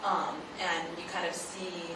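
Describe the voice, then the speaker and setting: At a live book talk, a woman guest author works through audience questions without a script, pausing, hedging, and saying "like" a lot as she thinks. Her voice is on the low side and level in tone. The capture comes from far away, very echoey and full of event noise.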